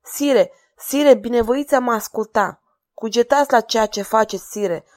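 A woman's voice: fairly high pitch, no echo, studio quality, natural voice. A woman reading aloud voices a desperate male court jester who begs with a trembling, tearful voice. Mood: pleading.

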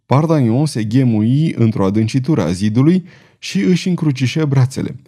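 A man narrating an audiobook in a steady, measured way. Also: mid-range voice.

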